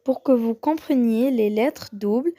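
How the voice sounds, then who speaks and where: Slow-talking woman teaching the Korean alphabet. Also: a little high, mellow. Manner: slow, hesitant, with many pauses and fillers; repeats each sound slowly for the learner. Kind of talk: casual lesson on the Korean alphabet.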